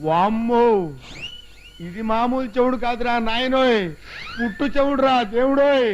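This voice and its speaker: An actor playing a reluctant priest who wails and laments dramatically. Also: male voice, very high-pitched, steady tone, moderate pace, dull audio, background noise. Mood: exasperated. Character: reluctant young priest, excitable, loudly wailing. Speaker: priest asked to perform a wedding.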